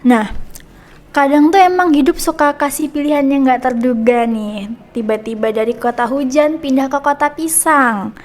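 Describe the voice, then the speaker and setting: Brief: young female podcast host, high voice, chatty, lots of little fillers. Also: fairly even intonation, normal speed. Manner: chatty, friendly prompting with many hmm and nih fillers. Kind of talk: casual podcast interview.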